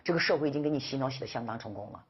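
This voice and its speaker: Husky low-voiced woman lecturing a class. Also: very fast, lo-fi sound. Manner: lively, rhetorical questions, scolding and coaxing the class. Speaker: English exam-prep teacher.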